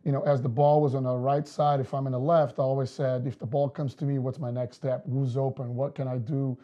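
A man, a soccer coach explaining his methods in an interview, measured with many fillers. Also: medium pitch, little pitch movement, warm tone, dull audio. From Portugal. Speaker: girls' soccer coach, guest. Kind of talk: casual interview talk. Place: studio set with wood backdrop.

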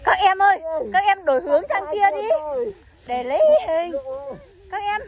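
A woman vlogger in a comedy team, excitable, squealing and urging the others on in lively banter. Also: extremely high pitch, moderate pace, a crowd in the background.

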